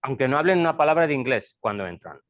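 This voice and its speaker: A man's voice: medium pitch, sing-song, fast, lo-fi sound. A middle-aged man, a school leader, explaining things to parents and repeating his points in two languages. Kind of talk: bilingual presentation to parents.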